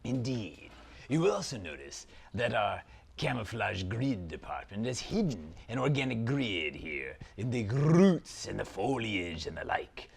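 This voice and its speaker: A man's voice: lowish voice, sing-song, a little slow, creaky, slight background noise, heavily acted. A man voicing a pompous villain sorcerer prince in a comic skit, haughty and theatrical, now and then dropping to a stage whisper.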